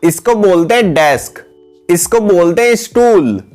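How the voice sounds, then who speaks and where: A man teaching English words for household items in a steady, repetitive voice-over, calling his viewers guys. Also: sits high, measured pace, soft background music. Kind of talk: vocabulary lesson voice-over with pictures.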